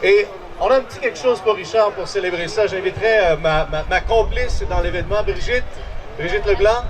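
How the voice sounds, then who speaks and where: Brief: man, organizer at mic, raised pitch, hesitant, loud crowd and traffic around. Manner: halting, with frequent fillers. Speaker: festival organizer on stage. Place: outdoor festival stage.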